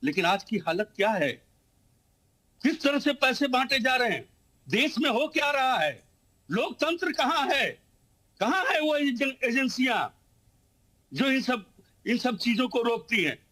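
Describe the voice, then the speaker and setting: A man's voice: extremely high pitch, very animated, unhurried, pauses often, sharp tone, poor audio. Combative male debate panelist. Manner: combative, talks over others. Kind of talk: heated TV news debate.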